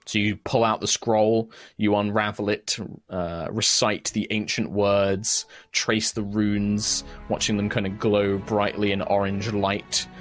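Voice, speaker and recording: Low-voiced man as game master. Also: flat delivery, measured pace, hardly any pauses, dry recording, soft background music. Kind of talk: narrating and refereeing a tabletop game.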